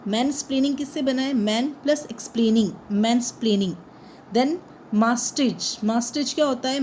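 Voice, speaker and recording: A woman teaching a grammar lesson. Her voice sits a little high, and she keeps asking questions and then answering them. A faint hiss runs under the recording. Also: darkish tone, poor audio. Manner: asks the class questions and answers them herself, switches between Hindi and English; reads English definitions slowly and carefully.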